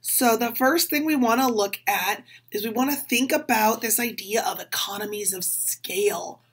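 A woman professor lecturing with a hoarse, husky voice. She keeps an upbeat, clear teaching tone as she lays out the day's material. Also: a little high, normal speed, a bit bright. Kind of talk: recorded lecture.

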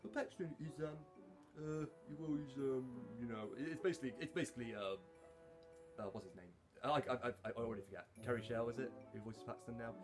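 A man's voice: medium pitch, brisk, music in the background. A man chatting casually to camera as a fan voice actor, rambling and self-deprecating.

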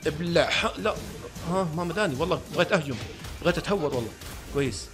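Man, fast lively gameplay commentary, taunts opponent, faint game music. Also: fairly high pitch. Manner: excitable, talks to viewers, taunts opponent. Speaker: gaming YouTuber.

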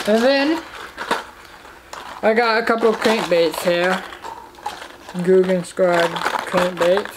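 A young man casually showing off fishing tackle he bought, talking in a halting, rambling way with lots of fillers, recorded at home in his living room. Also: high voice, background noise. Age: young adult. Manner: rambling, halting, repeats himself with many fillers. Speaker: fishing vlogger. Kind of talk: casual tackle haul show-and-tell.

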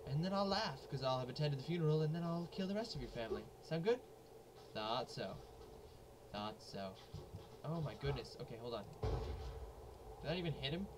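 A man giving jokey, excitable let's play commentary, often repeating himself as he plays. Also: fairly high pitch, fast. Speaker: gaming YouTuber. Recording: noisy home recording.

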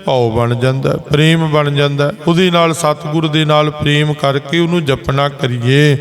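A man giving a Sikh sermon, explaining scripture slowly and chanting its verses between his explanations. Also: a little high, steady tone. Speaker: Sikh preacher giving katha. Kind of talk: sermon with sung scripture lines. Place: gurdwara.

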